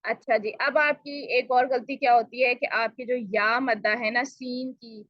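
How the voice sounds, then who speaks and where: A woman teaching a recitation lesson, explaining patiently and repeating each sound slowly to demonstrate it, with polite address. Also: fairly high pitch, fairly even intonation, no echo, dull audio. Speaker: tajweed teacher. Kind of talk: recorded pronunciation lesson.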